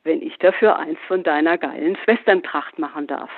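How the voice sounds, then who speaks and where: A man's voice: on the high side, moderate pace. A man voicing a defiant young son who talks in a scornful, mocking way. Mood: sneering. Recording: phone-like narrow band.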